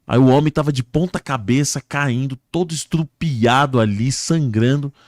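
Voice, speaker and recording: A man's voice: mid-range voice, moderate pace, no room sound, studio quality. A man with a Brazilian Portuguese accent, a pastor and guest on a casual religious podcast, who tells stories and acts out the dialogue in a raised voice.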